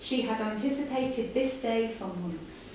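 A young woman with a fairly high, expressive voice and a darkish tone reads her fiction aloud dramatically in a measured, deliberate storytelling manner. She's performing live before an audience at a café literary night, picked up by a distant camera mic that adds echo and room noise.

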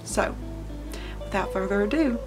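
A young Southern US woman vlogs from her cluttered bedroom, chatting to camera in a candid, self-conscious, reassuring way. Her medium-pitched voice is expressive and measured, picked up close by the camera mic over loud background music.

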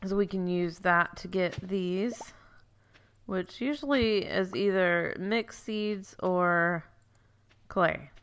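A woman hosting a let's play talks casually through a farming game, sounding congested as she reasons aloud and fixes her own slips. Her voice is fairly low yet fairly bright, with a clear, resonant quality.

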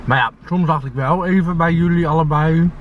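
A man's voice: on the high side, fairly quick. A man in his twenties hosting his own vlog, playful and teasing, often laughing. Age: 20s. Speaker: vlogger host. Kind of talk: casual chat. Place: inside a parked car. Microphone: camera on the dashboard. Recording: dull distant mic in car, road hum.

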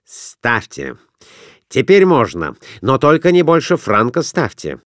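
Low quiet coaxing captain, unhurried, as a reader puts him on, storybook. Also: male voice, big pitch swings, no room sound, clean studio sound, exaggerated voice. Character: calm, coaxing middle-aged captain adviser.

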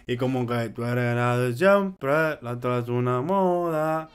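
Man, music reaction host, casual animated talk, slangy, mid-pitched voice. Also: measured pace, smooth. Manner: chatty, animated, slangy, talks straight to viewers. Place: home in Orlando.

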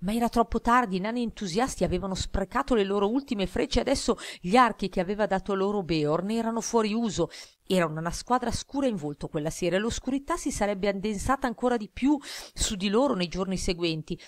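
A woman narrating an audiobook in a measured, expressive reading style. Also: mid-range voice, no echo. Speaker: audiobook reader. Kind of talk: scripted narration.

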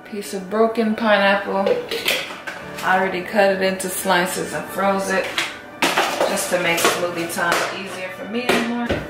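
A young woman chatting casually as she makes a morning smoothie in her home kitchen, filmed on a camera set on the counter. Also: medium pitch, normal speed. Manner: chatty, relaxed, talks while cooking. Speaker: vlogger. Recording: echoey kitchen with loud music.

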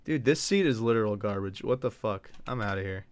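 A young man casually chatting and swearing while live-streaming a video game, griping about his runs and telling stories in an animated way. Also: fairly low pitch, brisk, clean tone. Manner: swears a lot, frustrated and animated storytelling.

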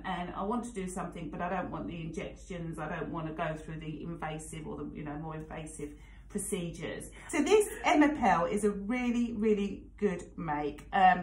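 A woman's voice: lowish voice, a little mellow. Woman in her forties, radio presenter, frank chatty talk, echoey studio. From England. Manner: chatty, frank, lots of fillers and asides. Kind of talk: casual radio chat. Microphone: studio microphone.

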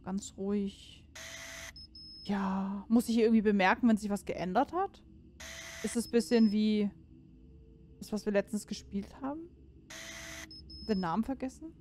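A woman's voice: on the high side, dark tone, slight background noise. A woman giving casual let's-play commentary on a horror game, chatting to herself and viewers, cursing and exclaiming when something startles her. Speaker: gaming streamer.

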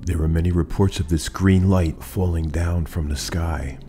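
A middle-aged man with a very low, mellow voice reads a script in an even, measured way. He speaks in a small indoor studio, framed chest up at his desk. Faint music plays beneath him. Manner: steady, measured delivery. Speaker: YouTube host. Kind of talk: scripted narration. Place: indoor studio room with monitors.

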